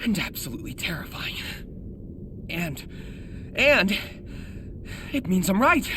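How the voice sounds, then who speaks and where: A young American superhero from a video game, earnest and anxious. His pitch moves in lively swings as he rambles, hesitates and puts himself down. There is a faint noise behind him. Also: takes it slowly, exaggerated voice. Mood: anxious, excited. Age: young adult. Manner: rambling, hesitant, self-deprecating. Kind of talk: naturalistic game voice acting, spoken diary and messages.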